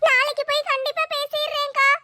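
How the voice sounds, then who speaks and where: A woman's voice: very high-pitched, flat delivery, fairly quick, bright, forceful tone, heavily acted. A woman voicing a shy, tearful young woman who speaks in a hesitant, pleading way. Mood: anxious.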